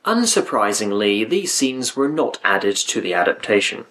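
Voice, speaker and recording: A man's voice: lowish voice, very animated, moderate pace, fairly bright tone. A man reading scripted review narration with dry, critical asides. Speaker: video essay narrator.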